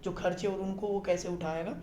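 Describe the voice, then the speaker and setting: A man with a high, mellow voice hosts a casual screen-recorded explainer, walking viewers through a trading app and frequently checking that they're following. He talks briskly and chattily with fairly even intonation; the sound is reverberant with a little hiss or hum.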